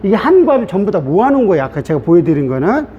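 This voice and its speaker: A man's voice: very animated, fast talker, warm tone. A middle-aged man, a pastor, giving a chatty classroom lecture on the Greek alphabet, checking in with the class often. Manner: chatty, repetitive, asks class "됐죠?". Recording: dull low-fi sound with faint hiss.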